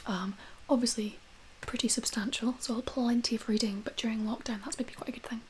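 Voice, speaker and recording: Whispering woman in a soft-spoken role-play. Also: on the high side, fairly even intonation, fairly quick, a little hiss or hum. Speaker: ASMR creator playing a librarian recommending books.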